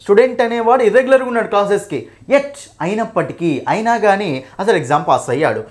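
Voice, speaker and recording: Animated and high-pitched, a young Telugu-accented man teaches an English grammar exam revision lesson. He explains every option in depth and reads the English example sentences slowly, all while calling his students "nanna" and repeatedly checking "okay?" and "right?".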